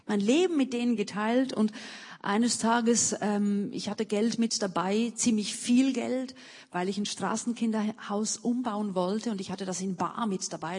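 A woman's voice: mid-range voice, darkish tone, slightly rough, in a large hall. A woman being interviewed, telling her own story earnestly with many restarts. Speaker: missionary and author, interview guest.

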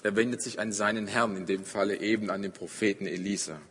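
A man preaching a sermon, telling a story dramatically and moving between loud, emphatic passages and hushed ones. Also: fairly low pitch, fairly even intonation, quick pace, in a large hall, slight background noise. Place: church.

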